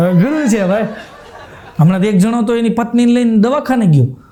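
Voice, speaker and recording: A man's voice: sits high, animated, normal speed, dark tone, a faint crowd. A man with a Kathiyawadi Gujarati accent telling jokes on a live stage, chuckling through his punchlines and repeating his catchphrases. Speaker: stand-up comedian. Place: live stage show with audience.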